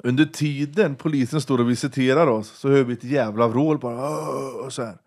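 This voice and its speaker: A man's voice: medium pitch, fairly even intonation, a little mellow. A man from western Sweden telling a story in a casual interview, blunt and swearing freely, acting out the voices he quotes. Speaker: interview guest.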